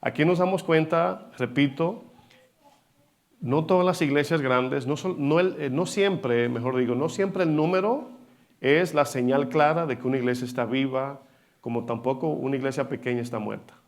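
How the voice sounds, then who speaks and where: A male pastor preaching a sermon, animated and asking the congregation rhetorical questions. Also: mid-range voice, moderate pace. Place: church hall.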